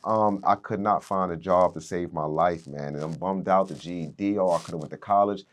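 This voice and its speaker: A man in his thirties, a podcast guest, telling his life story in a casual, animated way, peppered with "man" and "dude.". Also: deep voice, brisk. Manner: animated storyteller, swings loud and soft, repeats "man" and "dude".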